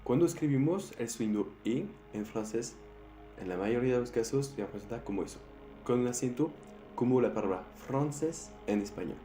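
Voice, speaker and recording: A young man with a French accent gives a language lesson, spelling words out letter by letter and repeating each sound with care. His voice is mellow and dark, at an ordinary pitch. The room is echoey, and faint music plays underneath. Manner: slow, careful demonstration of sounds. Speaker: French teacher.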